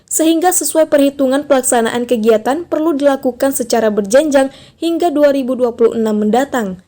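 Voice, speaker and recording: A woman narrating a scripted news report in a formal, steady way. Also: high-pitched, brisk.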